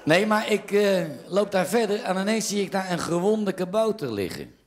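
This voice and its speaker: A man's voice: high voice, normal speed. A man with a Dutch accent telling jokes as a stand-up comedian, raising his voice whenever he quotes someone. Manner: lively storyteller who raises his voice for quoted lines. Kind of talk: joke telling.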